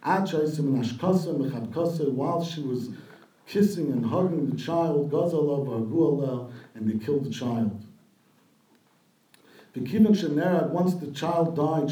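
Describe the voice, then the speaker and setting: Man, sermon storytelling, Hebrew quotes translated, echoey room, slightly high voice. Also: mellow, distant mic. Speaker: rabbi giving a talk. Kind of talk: sermon retelling a midrash.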